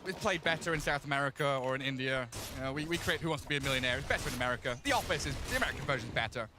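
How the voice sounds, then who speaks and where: A man doing play-by-play esports commentary, excitable and joking. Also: medium pitch, racing, over music. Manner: excitable, joking, rises sharply in big moments.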